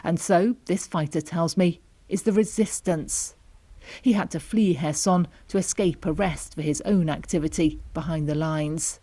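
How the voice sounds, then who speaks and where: Mellow, low-voiced woman reporting. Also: a little slow. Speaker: news reporter. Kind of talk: scripted news report narration.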